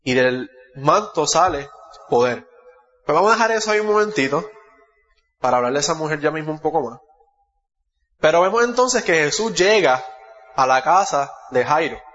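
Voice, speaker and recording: Puerto Rican male preacher, explains scripture verse by verse, self-correcting, slightly high voice, muffled hall sound. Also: lively intonation, moderate pace, long pauses, fairly bright tone. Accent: Puerto Rican Spanish. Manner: expository, reads Bible verses aloud, corrects himself. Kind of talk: sermon.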